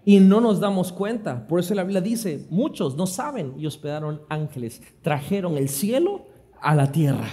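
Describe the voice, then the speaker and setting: Middle-aged pastor, higher voice with a warm, dark tone, animated storyteller. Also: male voice. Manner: animated storyteller acting out dialogue, laughing. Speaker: preacher. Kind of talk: storytelling sermon.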